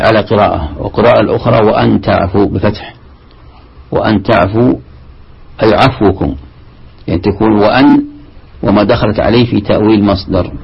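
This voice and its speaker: A man teaching a classical Arabic lesson on Quran commentary, halting and repeating himself as he explains. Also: fairly low pitch, vocal fry, breathy edge, lo-fi sound.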